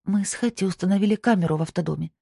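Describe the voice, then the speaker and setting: A woman's voice: mid-range voice, racing, vocal fry, warm tone, husky, no room sound, clean studio sound, voice pushed up. A narrator putting on a frightened, accusing young captive woman.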